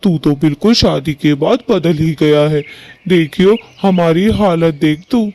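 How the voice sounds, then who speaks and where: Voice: mid-range voice, a little slow, a little mellow, no echo, lightly acted. A performer voicing an old, ailing male bird father in a cartoon, complaining in rustic village speech.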